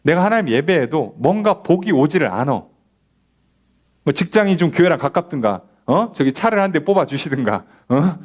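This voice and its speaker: Man, pastor, Bible study teaching, fairly high voice, lively pitch, conversational, acts out dialogues. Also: moderate pace. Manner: conversational, acts out imagined dialogues in a softer voice, asks rhetorical questions. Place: church.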